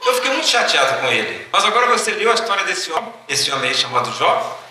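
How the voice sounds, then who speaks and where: A man's voice: sits high, big pitch swings, quick pace, sharp tone, voice pushed up, heavily acted. A pastor voicing a distraught grown man in a story, speaking in a raised, pleading voice. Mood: agitated. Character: distraught grown man confessing anger to neighbor. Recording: echoey hall from far off.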